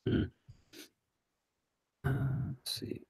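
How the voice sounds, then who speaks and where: A man's voice: very slow, darkish tone, dry recording, studio quality. A man chatting casually as a tabletop game player, hesitant and wry.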